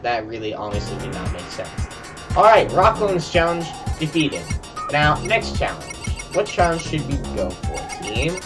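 A young man giving casual, chatty gameplay commentary to his viewers as a game streamer, with boastful banter. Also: medium pitch. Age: young adult. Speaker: gaming streamer. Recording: distant mic under loud game music. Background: loud game music.

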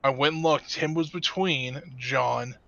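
A man working race control, calmly sorting out the running order and calling restarts. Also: medium pitch, unhurried, vocal fry, no room sound. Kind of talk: casual race control chatter. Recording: dry, dull lo-fi voice chat.

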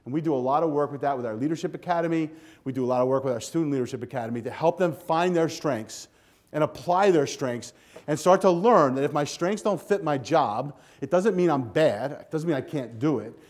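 Energetic older man giving a keynote. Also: a little high, brisk. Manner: energetic, animated, walks the stage with a handheld clicker; direct, coaching tone to students. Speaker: keynote speaker. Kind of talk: conference keynote speech. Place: hotel ballroom with a seated audience. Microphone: lapel mic.

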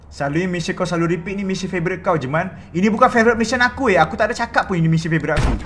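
A man's voice: sits high, very fast, background noise. A young Malaysian man streaming live, commenting on his gameplay and scolding the characters on screen. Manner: excitable, scolding the game characters, laughs a lot. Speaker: livestreaming gamer.

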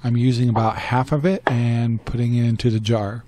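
A man's voice: mid-range voice, fairly even intonation, moderate pace, warm tone. An older man giving a plain, step-by-step voice-over for a home cooking video, matter-of-fact in tone. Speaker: cooking channel host. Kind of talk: voice-over narration.

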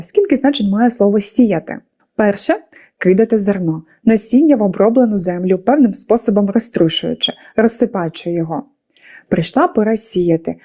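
A woman teacher narrates a scripted lesson for young pupils. Her voice is warm and mellow, and her pitch sits in an ordinary middle range. She explains patiently and keeps turning to the class with questions. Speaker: school teacher.

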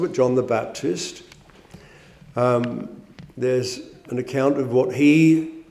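A man preaching a sermon, reading scripture aloud and explaining it with fillers and restarts. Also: warm tone. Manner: rises in pitch and volume on quoted verses. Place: church. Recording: echoey church hall.

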